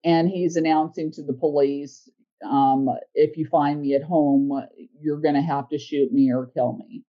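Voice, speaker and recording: Low-voiced woman analyzing a letter. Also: steady tone, unhurried, dull audio. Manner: analytical, thinking aloud with many fillers. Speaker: co-host. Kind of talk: casual podcast discussion.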